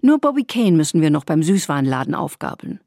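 A woman reading aloud voices a lively, bossy young woman with a creaky, husky voice. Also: sits low, fast talker, dry recording, clean studio sound, exaggerated voice. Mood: brisk.

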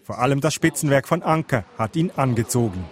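Male reporter narrating, mid-pitched. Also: lively intonation, brisk. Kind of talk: scripted news report narration.

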